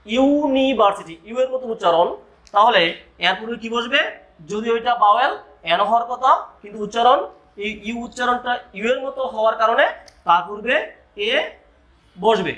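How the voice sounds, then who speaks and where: A man teaches a grammar lesson in a high voice with a bright edge. He moves slowly and deliberately, spelling out letters one by one. He keeps asking his students rhetorical questions as he explains. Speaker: school English teacher.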